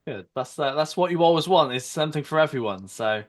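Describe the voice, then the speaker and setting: A man's voice: fairly high pitch, lively intonation, fairly quick. A man hosting a podcast interview in a confident radio presenting voice. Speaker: podcast host.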